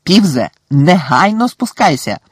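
A man voicing a stern older female deputy headmistress who gives sharp, scolding commands. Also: a little high, expressive, a little slow, no room sound, studio quality. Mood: stern commanding.

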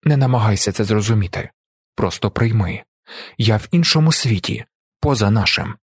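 A man voicing a blinded young male emperor who speaks in a steady, measured, commanding way with a husky voice. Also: fairly low pitch, no room sound, studio quality.

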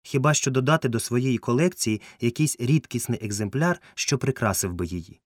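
Man putting on a fussy entomologist, higher voice, pedantic, indignant, dry booth sound. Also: lively intonation, brisk, no echo, lightly acted. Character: fussy eccentric male entomologist cousin.

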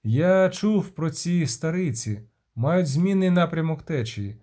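A man reads as a stern, composed witcher, curt and controlled. The voice is warm and mellow. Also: on the high side, animated, unhurried.

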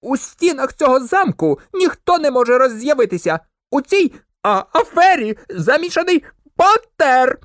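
A man's voice: very high-pitched, sing-song, normal speed, fairly bright tone, dry recording, clean studio sound, pitched above the performer's own voice, exaggerated voice. A man voicing a furious, spiteful male professor who rants and shrieks in an audiobook. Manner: shrieking, ranting. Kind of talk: audiobook character voice.

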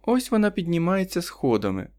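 A man's voice: sits high, sing-song, fairly quick, darkish tone, voice pushed up. A man reading an audiobook, voicing a spiteful, gossiping woman neighbor with a sly, sneering manner.

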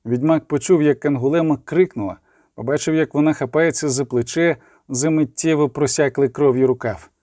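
Male audiobook narrator, fantasy, mellow warm tone, dry close studio sound. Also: on the high side, a little fast, no room sound.

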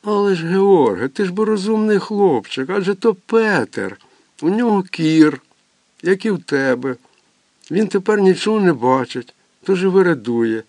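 A man reading a story aloud and voicing a calm, patient mother who gently soothes her sick son. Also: sits high, normal speed, no echo, voice pushed up. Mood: soothing. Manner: gentle, coaxing.

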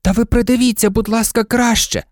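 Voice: mid-range voice, fairly even intonation, a little fast, dry recording, clean studio sound, voice pushed up, close to an everyday voice. A narrator voicing a small, clever rag toy dog who pleads earnestly in a storybook. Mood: insistent. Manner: earnest, imploring.

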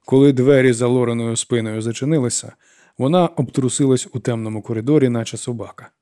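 Man reading an audiobook, steady even voice, middle pitch. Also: fast. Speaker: narrator. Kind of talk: audiobook narration.

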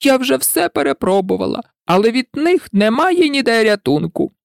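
A reader voicing a frantic, shrill female pigeon who scolds and shrieks in a storybook recording. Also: sing-song, moderate pace, creaky, dry recording, clean studio sound. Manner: scolding, indignant, breaking into cries. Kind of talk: audiobook reading.

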